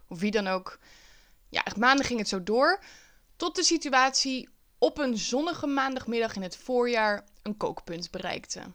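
A woman, a teacher herself, telling a story from her school days. She sounds wry and lively and pokes fun at herself, with a voice of middling pitch. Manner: wry, lively, self-mocking. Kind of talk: personal storytelling.

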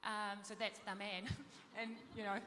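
A woman's voice: mid-range voice, level tone, noisy background. Earnest woman giving testimony in a hall. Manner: earnest, halting, many restarts. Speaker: panel speaker at a church event. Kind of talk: testimony talk.

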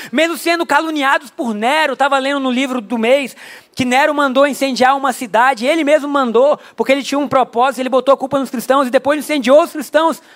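A man's voice: very high-pitched, a bit bright. A young adult man preaching a conversational sermon in a church, with frequent rhetorical asides to the congregation. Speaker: pastor.

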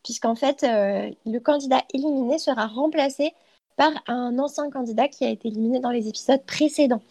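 A woman's voice: high-pitched, brisk, dark tone, no echo. A young woman presenting the evening TV picks on a live radio show, hesitating often with fillers and correcting herself. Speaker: radio columnist presenting TV listings. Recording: dry close studio sound.

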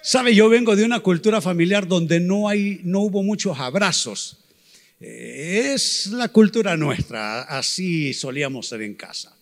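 A man preaching a sermon to a congregation, slow and emphatic, building to shouted repetitions and asking them to repeat after him. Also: high-pitched, animated, in a large hall. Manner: asks the congregation to repeat phrases. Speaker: pastor.

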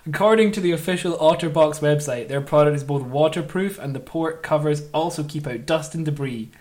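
Playful man, higher voice. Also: a little fast, darkish tone. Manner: jokey, reads aloud playfully. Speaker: podcast host. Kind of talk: casual chat.

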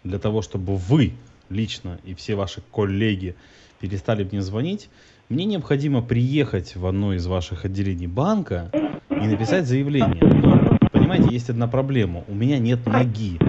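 A man's voice: fairly low pitch, animated, moderate pace, noisy background. A man on a phone call, complaining in an insistent, argumentative way. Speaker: prank-style caller complaining to call centres. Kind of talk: phone conversation. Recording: slightly dull, lo-fi call recording.

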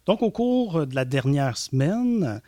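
A man's voice: a little high, big pitch swings, slow pace, dark tone, no echo. Quebec man, dry-sounding radio host. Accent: Quebec French. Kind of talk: scripted show introduction, addressing listeners.

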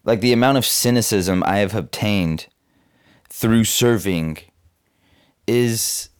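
Young man from Southern California, slangy cynical vlogger, lower pitch. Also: takes it slowly, smooth. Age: 20s. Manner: laid-back, slangy, cynical, full of fillers. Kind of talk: casual rambling monologue.

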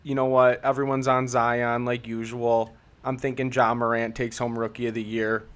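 A man's voice: medium pitch, little pitch movement, normal speed, smooth. A young man guesting on a casual sports podcast in a garage, easygoing and confident in his takes. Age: young adult. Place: hot home garage.

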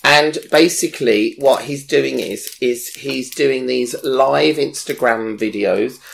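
A man's voice: mid-range voice, slow pace, vocal fry. A man chatting enthusiastically as a presenter, rambling with fillers as he recommends people. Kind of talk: casual chat recommending online creators.

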